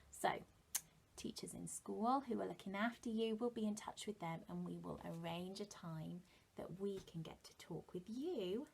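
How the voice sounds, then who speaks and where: A British primary teacher in her thirties talks animatedly and reads storybooks to young children, putting rhetorical questions to them. Her mid-range voice is husky with vocal fry, and her delivery is expressive.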